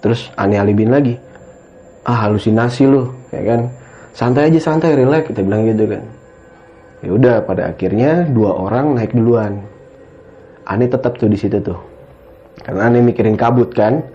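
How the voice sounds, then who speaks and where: A man's voice: on the low side, a little fast, pauses often, warm tone, soft background music. A man, telling a story as a guest in casual talk, rambling and tagging his sentences with "gitu ya kan" and "Bang". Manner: rambling, keeps adding "gitu ya kan" and calling the listener "Bang". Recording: dull lo-fi sound.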